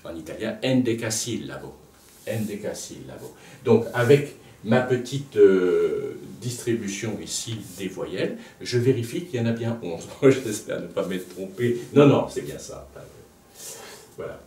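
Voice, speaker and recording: A man teaching a music lesson, explaining slowly with frequent pauses and restarts. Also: on the low side, lively intonation, mellow, recorded from a distance. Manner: halting, with many restarts and filler sounds. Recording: echoey room, speaker off-mic.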